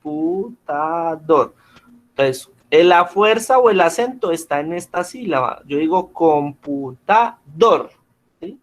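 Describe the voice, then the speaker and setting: Male teacher, slightly high voice, patient and questioning, heard over a video call. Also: expressive, normal speed. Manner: patient, checks in with frequent questions. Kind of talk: online class lesson.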